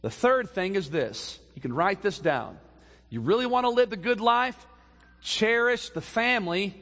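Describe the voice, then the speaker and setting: A man preaching a sermon as pastor, swinging from soft low passages up to loud emphatic peaks. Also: lively intonation, a little slow, big-room sound.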